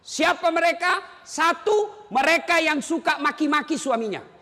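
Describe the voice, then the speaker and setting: High, bright-voiced man preaching with humor. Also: measured pace, big-room sound. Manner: animated, joking, sometimes shouting. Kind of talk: humorous sermon.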